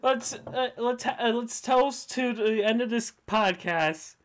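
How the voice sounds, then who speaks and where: A man co-hosting a casual streamed podcast, snarky and quick to laugh, swearing freely. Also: very high-pitched, fairly bright tone, a little hiss or hum. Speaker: podcast co-host. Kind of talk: casual chat on a live stream.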